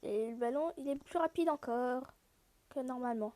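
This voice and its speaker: A woman's voice: high-pitched, moderate pace, warm tone. A woman giving a casual gameplay walkthrough, explaining each step directly to her viewers. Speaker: gaming video host.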